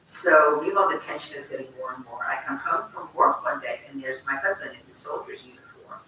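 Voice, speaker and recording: An older woman telling a personal story to a group, chatty and animated, often breaking off mid-sentence and laughing. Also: low-pitched, a little fast, distant mic, a little hiss or hum. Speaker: congregant sharing a memory. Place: large community room at a congregation. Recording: echoey room recorded from afar.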